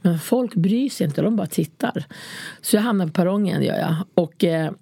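A middle-aged woman from Hälsingland, a former bodyguard, calmly and frankly telling her story as an interview guest in a studio. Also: lowish voice, creaky, breathy edge, no echo. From Sweden, Hälsingland. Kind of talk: casual interview chat.

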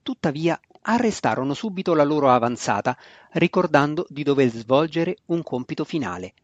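A man reading a fantasy novel aloud in a steady, measured scripted narration. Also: on the high side, no echo. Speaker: audiobook narrator. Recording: dry, slightly dull lo-fi recording.

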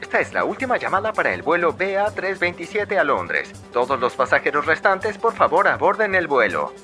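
A man voicing an airport gate announcer in an animated story, making a formal boarding call. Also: a little high, brisk, faint music behind, pitched above the performer's own voice.

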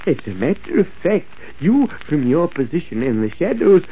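An actor playing a deluded, power-hungry aging mask-maker in 1940s radio drama style, theatrical and halting. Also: male voice, on the high side, big pitch swings, warm tone, slightly rough, exaggerated voice. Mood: proud, confiding. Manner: theatrical, cackling, slow and halting. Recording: muffled, hissy old radio recording.

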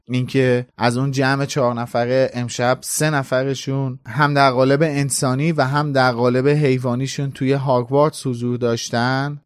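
A man co-hosting a podcast, giving a quick and thoughtful analysis in casual discussion. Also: mid-range voice, clear, resonant tone, no echo, studio quality. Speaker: podcast co-host.

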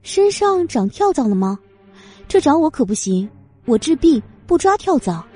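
A woman voicing a calm, mocking young female doctor in an audiobook. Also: high-pitched, moderate pace, soft background music, pitched above the performer's own voice. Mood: teasing. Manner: light, teasing, cool.

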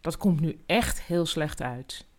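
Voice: medium pitch, expressive, slow. A storyteller voicing a fretful, grumpy male guinea pig in a storybook reading, with a raised, agitated delivery. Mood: reluctant.

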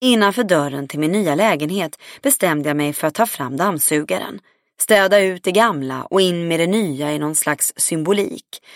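Woman audiobook narrator, low-ish voice, even read, dry studio. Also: dry recording. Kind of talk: scripted first-person narration.

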